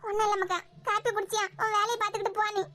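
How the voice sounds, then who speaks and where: A woman's voice: very high-pitched, little pitch movement, racing, bright, forceful tone. A woman with a Kanyakumari Tamil accent voicing a worried, weepy grandmother in a cartoon web series. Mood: fretful. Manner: fretful, lamenting.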